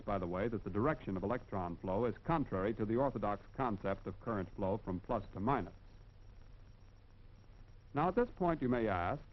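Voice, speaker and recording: An American man reads scripted narration for a 1940s industrial film in a formal, instructive and emphatic manner. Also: mid-range voice. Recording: dull, band-limited vintage film soundtrack.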